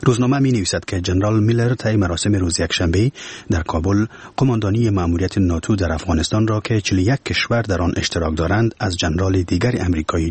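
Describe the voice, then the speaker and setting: A man with an Afghan Dari accent reading a press review in a measured, formal newsreader style. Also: low voice, breathy edge, no room sound. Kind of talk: scripted news reading. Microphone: studio microphone.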